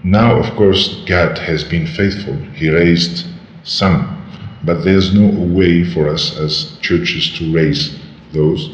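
A man from North Africa giving halting interview answers as a church leader, his voice disguised by an artificial deep pitch shift. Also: steady tone. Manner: halting, hesitant phrasing. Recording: roomy, long reverb, dull lo-fi, noisy.

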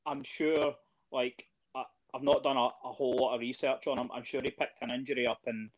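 A man talks in a relaxed, conversational way, mid-pitched. He hesitates a lot, filling gaps with ums and starting sentences over. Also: brisk. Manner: hesitant, lots of fillers and restarts. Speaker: podcast guest, fan. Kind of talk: casual chat.

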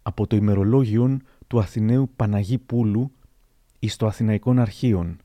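Mellow-voiced male storyteller. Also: on the low side, no room sound. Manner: measured, storytelling. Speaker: narrator. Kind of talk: reading historical anecdotes aloud.

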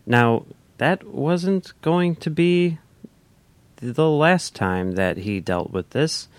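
A man's voice: on the high side, animated, slow pace, no room sound. A man co-hosting a casual podcast discussion, talking in a hesitant way with many restarts. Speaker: podcast co-host.

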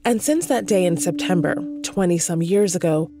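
A woman reporter giving measured, scripted news narration and asking interview questions. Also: on the low side, music in the background.

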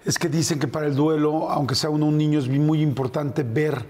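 A man hosting a casual interview, asking calm follow-up questions. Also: a little high, brisk.

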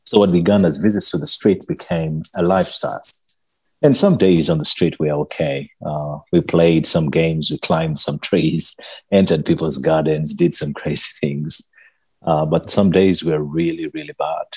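A man from Uganda recounts his childhood as a guest. His voice sits very low and carries a husky edge. He speaks slowly and earnestly. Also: steady tone, a little mellow. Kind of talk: personal storytelling in an interview.

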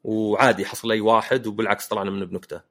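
A man's voice: on the low side, little pitch movement, rapid-fire, fairly bright tone. A man hosting a casual podcast chat, telling jokey personal anecdotes. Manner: anecdotal, joking storyteller. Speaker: podcast host.

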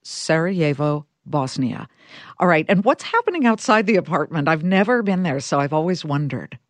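A woman's voice: low voice, sing-song, normal speed, no echo. A woman hosting a podcast, interviewing guests with enthusiasm. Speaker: podcast host.

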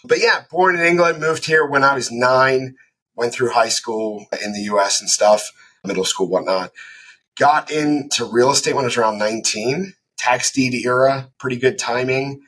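A man's voice: mid-range voice, moderate pace, fairly bright tone, husky, poor audio. A man in his thirties, a business founder, telling his career story as a podcast guest in a laid-back, matter-of-fact way. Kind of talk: casual interview answers.

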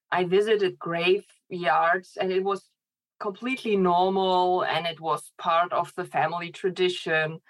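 Slow, thoughtful woman. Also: fairly low pitch. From Poland. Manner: slow, thoughtful, laughs lightly. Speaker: scholar guest. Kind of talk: podcast interview.

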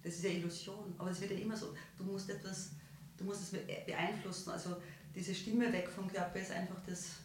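A woman's voice: medium pitch, level tone, brisk, a little hiss or hum. A woman, a therapist guest explaining her views earnestly in an interview, building her points through examples. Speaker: psychotherapist or psychiatrist guest.

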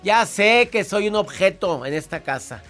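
A man's voice: expressive, normal speed, a bit bright, soft background music. A man mocking a self-pitying person who mutters complaints about being unappreciated. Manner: low, mumbling complaint. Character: self-pitying sulky martyr, whining and wounded.

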